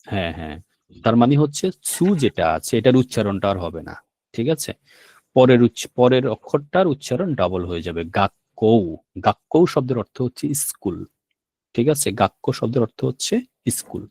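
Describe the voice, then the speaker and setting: Explaining vocabulary to a language class, a man from Bangladesh repeats words with patience and checks his students are following. His medium-pitched voice is animated, a little fast and a little mellow, recorded without echo.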